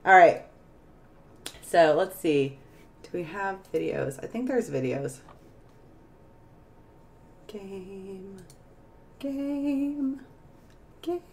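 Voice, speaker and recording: A woman's voice: sits low, expressive, measured pace, vocal fry, long pauses. Tired, rambling woman streamer. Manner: rambling, searches aloud for words. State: tired, voice going hoarse. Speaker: game streamer. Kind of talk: casual live stream chat.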